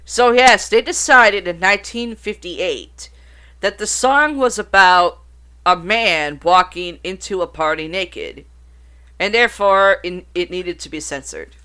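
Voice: mid-range voice, unhurried, bright, forceful tone, clean tone. A podcast host reading out notes on banned songs, breaking off to swear and joke in casual, uncensored talk. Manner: reads out notes, then swears and riffs.

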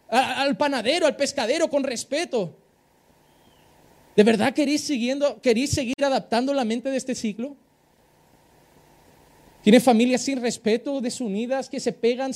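Very high-pitched preaching man. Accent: Spain Spanish. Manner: animated preaching, acts out quoted voices. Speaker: pastor. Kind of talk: sermon.

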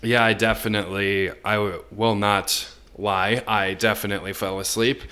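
A man's voice: fairly low pitch, flat delivery, moderate pace, sharp tone. An American man co-hosting a podcast, chatting casually about sports. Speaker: podcast co-host.

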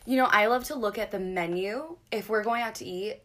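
Female podcast co-host, mid-pitched, conversational, rambling, self-deprecating. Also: a little fast, a bit bright. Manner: self-deprecating, rambling, acts out quoted remarks. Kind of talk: casual chat.

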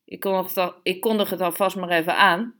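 Female reader voicing a sardonic teenage boy, deadpan, own lowish voice. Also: brisk. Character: dry, sardonic eighteen-year-old boy.

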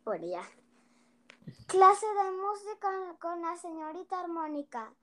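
High-voiced child reading a storybook. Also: female voice, lively intonation, sharp tone. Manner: slow, careful reading with little hesitations. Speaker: young storyteller. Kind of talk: reading a picture book aloud.

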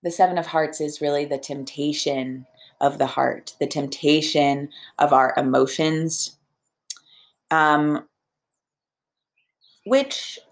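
A young woman hosting a podcast, talking in a chatty, emotional and upbeat way about the cards of the day. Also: sits low. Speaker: podcast host. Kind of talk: casual spiritual podcast talk.

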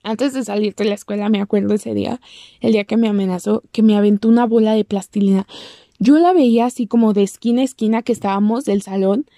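A woman's voice: fast, warm tone, no echo, studio quality. A young woman with a Mexican accent telling a personal story to the camera, chatty and acting out what people said. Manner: chatty, acts out quoted lines in a squeaky voice. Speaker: vlogger.

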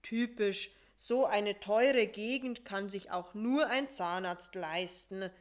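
A woman voicing a whiny male cross spider with a toothache in a storybook reading, her voice pitched well above her own with a slow, wailing delivery. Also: natural voice. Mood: relieved.

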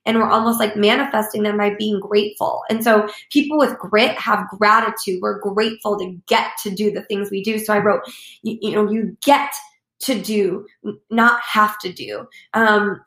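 A woman's voice: medium pitch, steady tone, moderate pace, a bit bright, echoey room. A woman giving a chatty motivational talk as a network marketing coach, full of fillers like "like" and "you know," acting out the voices she quotes.

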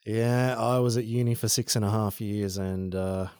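An Australian man, a podcast guest and former freestyle motocross rider, chatting in a relaxed, rambling, slangy way. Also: fairly low pitch, moderate pace, smooth, dry recording, clean studio sound. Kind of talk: casual conversation.

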